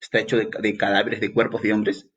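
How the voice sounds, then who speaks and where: A man's voice: on the low side, a little fast, a little hiss or hum. Peruvian guy teaching grammar, talks right at you, asks questions n answers them, kinda dull lo-fi sound. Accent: Peruvian Spanish. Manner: lively, talks straight to the student, acts out student questions. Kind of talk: exam-prep grammar lesson.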